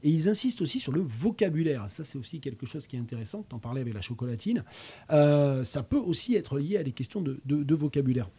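A man's voice: a little high, big pitch swings, fast talker, mellow, slightly rough. A man in his fifties with a regional French accent, hosting a casual chat, hesitant, with many fillers and restarts. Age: 50s. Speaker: host.

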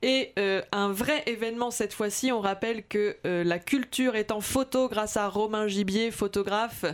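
A woman's voice: mid-range voice, moderate pace. A woman hosting a comedy radio show, chatty with frequent hesitations.

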